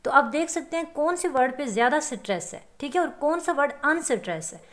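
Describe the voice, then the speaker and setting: A woman teacher giving a lecture, explaining terms step by step and reading English definitions slowly. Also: high voice, expressive, a bit bright. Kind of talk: classroom-style lecture.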